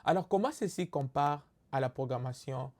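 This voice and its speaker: A man with a Congolese French accent gives a recorded lecture in a mid-range voice with a darkish tone. He explains patiently, step by step, often pausing on fillers and checking that listeners follow.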